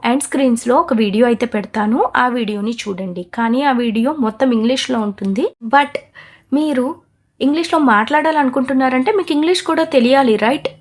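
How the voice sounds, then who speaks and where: A woman with a Telugu accent teaching an English lesson, explaining quickly, then saying model sentences slowly and with care for learners to repeat. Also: high voice. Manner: quick chatty explanations mixing in English words; slow, carefully stressed model sentences for repeating. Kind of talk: language lesson, shadowing drill.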